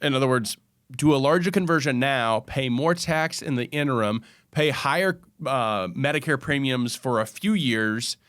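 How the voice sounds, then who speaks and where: Brief: male radio host, folksy and animated, middle pitch, dry close sound. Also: no room sound. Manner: animated, folksy explainer with quick asides. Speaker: radio show host, financial advisor. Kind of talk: casual radio talk show chat.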